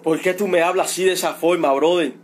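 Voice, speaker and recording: A man's voice: a little high, steady tone. A middle-aged Cuban man, a father of a detained protester, making an emotional, indignant and repetitive appeal in a livestream. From Cuba. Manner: pleading, indignant, repetitive, drawn-out emphasis.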